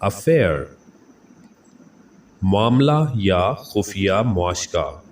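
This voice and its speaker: A man teaching English vocabulary, saying each word slowly and repeating it several times. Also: low-pitched, big pitch swings. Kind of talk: pronunciation lesson. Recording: slightly distant mic with faint background noise.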